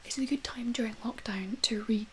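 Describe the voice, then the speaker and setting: A woman doing a whispered role-play as a librarian, speaking gently and hesitantly in a soft, breathy whisper. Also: on the high side, normal speed, a little hiss or hum. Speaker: ASMR creator playing a librarian recommending books.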